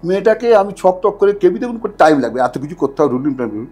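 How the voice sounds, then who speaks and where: A man with a high, husky voice tells stories as a podcast guest, acting out other people's lines with animated energy. Faint music plays softly behind him. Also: fast. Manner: animated, acts out other people's lines, keeps urging the listener to imagine. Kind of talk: casual storytelling in conversation. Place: podcast studio.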